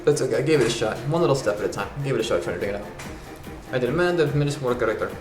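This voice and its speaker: In a sparsely furnished apartment room with echo and background music, a male vlog host chats rapid-fire with his audience in a mid-range voice and lively intonation. He rambles, repeats himself as he restarts phrases, and refers to himself as grandpa.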